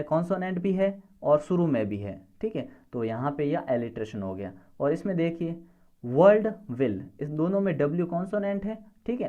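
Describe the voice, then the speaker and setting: Male teacher, mellow tone, patient and methodical, slows right down for definitions, slightly muffled lo-fi recording. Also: a little high. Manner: patient, repeats checks for understanding; reads definitions slowly and deliberately. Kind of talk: classroom-style lesson explanation.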